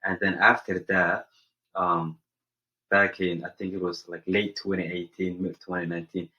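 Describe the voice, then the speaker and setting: A young man from Somaliland with a low voice and a bright, forceful edge, telling his story as a podcast guest. He speaks earnestly and fills his pauses with "uh" and "you know" while he hunts for words. The recording sounds a little dull and lo-fi. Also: flat delivery. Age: young adult. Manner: earnest, searching for words with frequent fillers. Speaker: guest, college senior. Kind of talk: casual interview answers.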